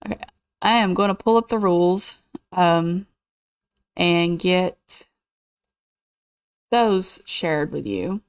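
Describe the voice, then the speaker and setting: A woman hosting a gaming channel, chatting casually and reading game rules aloud at an easy, even pace. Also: lowish voice, slow pace, pauses often, clear, resonant tone, no echo, studio quality.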